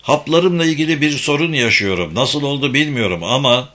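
A man's voice: mid-range voice, lively intonation, brisk, bright, forceful tone. A man reading the part of a flustered male doctor who speaks hesitantly and apologetically. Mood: apologetic.

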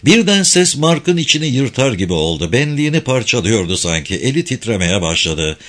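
A man narrating a war novel as an audiobook, with tense, expressive storytelling. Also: medium pitch, brisk.

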